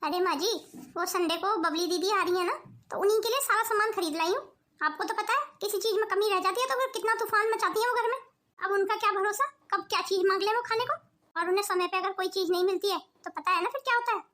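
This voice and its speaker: Voicing a cartoon's sweet, industrious elder daughter-in-law, this woman sounds gentle, polite and soothing. She talks fast in a very high-pitched voice with a bright, forceful tone.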